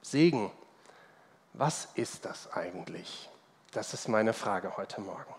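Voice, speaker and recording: A man in his thirties gives a sermon at an unhurried, measured pace. His voice has a mid-range pitch and carries long reverb from a church hall. He talks in a conversational, personal way and poses rhetorical questions. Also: animated. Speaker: pastor. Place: church service.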